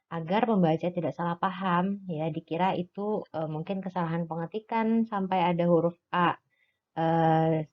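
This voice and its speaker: A woman with a somewhat low voice teaches a recorded lesson, explaining each point slowly and patiently and pausing often on "eh". The recording sounds dull and lo-fi. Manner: patient step-by-step explaining with frequent "eh" fillers.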